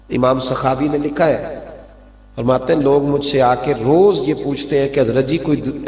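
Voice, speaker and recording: A man's voice: medium pitch, darkish tone. A man preaching a sermon, telling a story with emotion and voice rising sharply in dialogue. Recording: echoey hall reverb.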